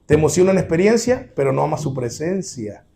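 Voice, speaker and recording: Male pastor, high gravelly voice, emphatic sermon delivery, direct rhetorical questions to the flock. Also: sing-song, fast talker. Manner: emphatic preaching, swinging between loud exclamations and low asides; addresses listeners directly as brothers, asking rhetorical questions.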